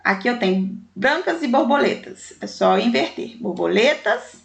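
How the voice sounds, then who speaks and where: A woman's voice: on the high side, expressive, moderate pace, creaky. A woman teacher, taking young pupils through a primary school language exercise and counting syllables and letters aloud with affectionate diminutives.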